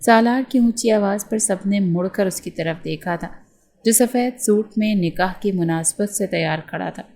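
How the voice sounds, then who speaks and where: A woman reads a romance novel aloud at a medium pitch, staying steady and even as she takes every part herself. Her delivery is scripted storytelling. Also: moderate pace. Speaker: novel narrator. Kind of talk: scripted narration of a romance novel with acted dialogue.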